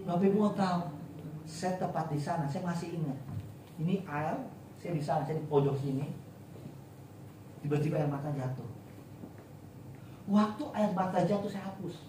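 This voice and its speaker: A man from eastern Indonesia, a pastor giving a sermon with a personal testimony in an animated storytelling way, heard in a large church hall. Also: fairly high pitch, normal speed, pauses often, a little hiss or hum. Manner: animated storytelling, acts out friends' voices, sings snatches. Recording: very echoey hall, from far off.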